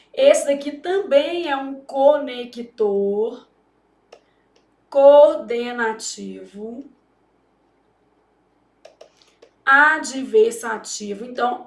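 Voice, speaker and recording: A Brazilian woman teaching a grammar lesson in a high voice. She talks emphatically and with theatrical flair, often checking in with the class. The sound rings in a roomy echo. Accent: Brazilian Portuguese. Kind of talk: exam-prep grammar lesson.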